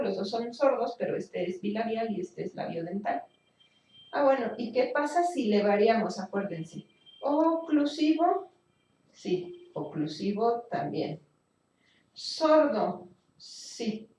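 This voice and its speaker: A woman teaching a speech therapy class, explaining slowly and thinking aloud with fillers and restarts. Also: fairly high pitch, darkish tone. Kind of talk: recorded class lecture. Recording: echoey room, voice from a distance.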